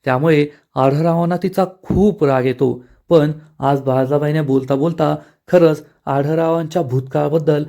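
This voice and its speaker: A man's voice: a little high, steady tone, normal speed, gravelly, few pauses, dark tone. A man narrating an episode recap of a TV serial, retelling each scene and reading the characters' lines aloud in turn.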